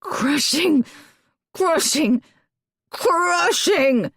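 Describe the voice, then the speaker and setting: A delirious teenage boy who turns into a crow, screams and raves in a strained, very high voice. He sounds wild and out of control, dragging out his words in dread. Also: expressive, slow pace, a bit bright, no room sound, studio quality, full character voice. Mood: frantic raving.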